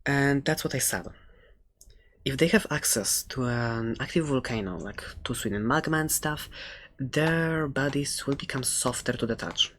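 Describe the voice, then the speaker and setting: In this ASMR roleplay, a performer plays a furry animal shopkeeper, speaking softly and haltingly and often drifting into a whisper, affectionate but with a hint of threat. The natural-sounding voice sits at a medium pitch, and the mood is fond and a little show-offy.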